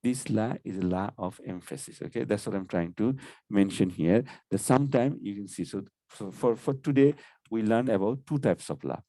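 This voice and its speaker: Low dark-voiced man teaching Arabic grammar. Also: normal speed, no echo. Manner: explanatory, repeats "okay" often. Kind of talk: online class lecture.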